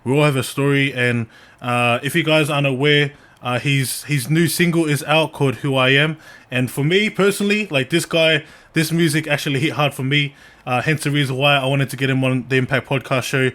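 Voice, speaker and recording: A man hosting a podcast in casual, earnest, slangy talk, often halting and repeating words. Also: mid-range voice, steady tone, fairly bright tone. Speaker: podcast host. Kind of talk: casual chat.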